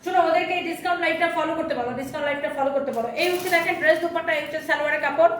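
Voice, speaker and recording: High-pitched fast-talking woman seller. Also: steady tone, echoey room, recorded from a distance, a little hiss or hum. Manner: fast repetitive sales pitch, repeats prices. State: strained sore throat. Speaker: online clothing seller. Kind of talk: live sales stream.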